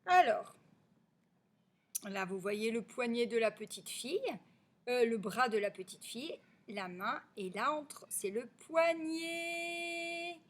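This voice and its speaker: Slow, patient woman teacher. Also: on the high side, animated. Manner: slow, stretched-out sounding of syllables; drops to a near whisper on the answers. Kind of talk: phonics review lesson for young children.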